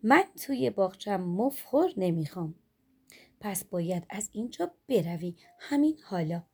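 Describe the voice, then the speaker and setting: A haughty rose flower barks orders in a demanding, bossy tone, as a woman storyteller puts her on. The voice is warm and gravelly with a breathy edge. It sounds like a figure from a children's storybook read aloud. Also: medium pitch, lively intonation. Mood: angry, commanding. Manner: commanding, later pleading.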